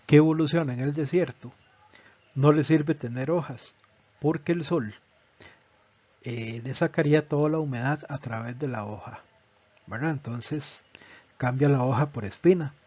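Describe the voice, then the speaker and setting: A man's voice: mid-range voice, a little mellow, breathy edge, no room sound. Patient man teaching biology. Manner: patient, explanatory, often asks a tag question. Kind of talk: recorded online lesson. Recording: dull lo-fi, dry voice recording.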